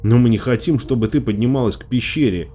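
A man's voice: medium pitch, fast talker, mellow, pitched above the performer's own voice, lightly acted. A male audiobook reader voicing an anxious but stubborn young girl who warns and refuses firmly. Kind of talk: audiobook character voice.

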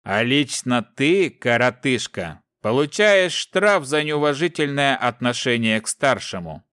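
A man's voice: mid-range voice, expressive, measured pace, a bit bright, clean tone, no echo. A man voicing an arrogant, contemptuous sylph elder who bullies and interrupts his recruits in an audiobook. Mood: scornful. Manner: contemptuous, menacing, cuts people off. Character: arrogant, bullying male sylph elder, commander. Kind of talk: audiobook character voice.

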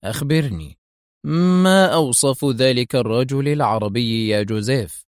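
A man voicing a menacing elderly male spymaster who shouts threats through clenched teeth. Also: mid-range voice, lively intonation, moderate pace, no echo, clean studio sound, close to an everyday voice. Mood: stern.

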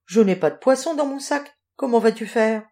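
A woman voicing an excitable, easily frightened little boy in a children's audiobook. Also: on the high side, moderate pace. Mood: curious. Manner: eager, exclaiming.

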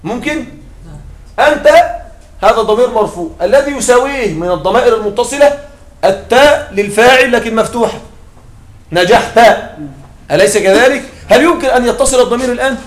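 A man teaching an Arabic grammar class. He keeps checking in with his students with short questions and slowly spells out his example phrases. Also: very high-pitched, expressive. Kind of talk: classroom lecture. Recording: echoey room with faint noise.

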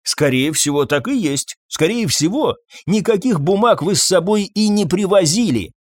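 A man voicing a calm, indifferent hotel manager who speaks in an unhurried, dryly evasive way. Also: high voice, dry recording, clean studio sound, pitched above the performer's own voice. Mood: dismissive.

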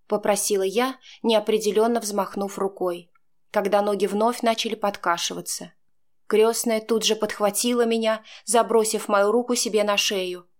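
A woman narrating a first-person novel as an audiobook, in an emotional, dramatic reading. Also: mid-range voice.

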